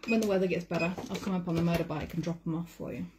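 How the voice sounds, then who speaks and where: A woman's voice: fairly low pitch, steady tone, very fast. Chatty woman quilting on a livestream. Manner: chatty, warm greetings to viewers, with fillers. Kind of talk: casual chat while sewing. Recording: noisy home livestream audio.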